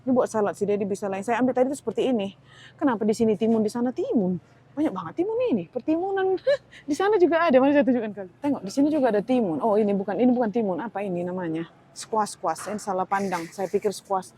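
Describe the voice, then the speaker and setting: A woman's voice: mid-range voice, fast, mellow, breathy edge, low-quality recording. A young woman chatting casually as she shops in a supermarket, thinking aloud and exclaiming at prices. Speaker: vlogger. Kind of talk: casual shopping vlog narration. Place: supermarket, indoors.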